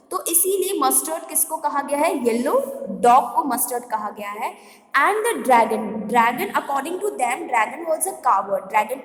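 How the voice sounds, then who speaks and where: Slow-talking teacher woman, echoey room. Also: high voice. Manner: slow, mixes Hindi and English, many "uh" pauses. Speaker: English teacher. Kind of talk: classroom lesson explaining a poem. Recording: echoey room with long reverb.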